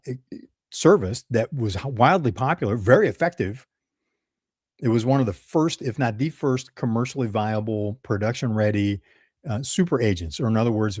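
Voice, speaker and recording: In a clean studio take with no echo, a man with a Midwestern American accent offers leadership advice on his own channel. His medium-pitched voice has a darkish tone, and he talks casually, digressing and correcting himself along the way.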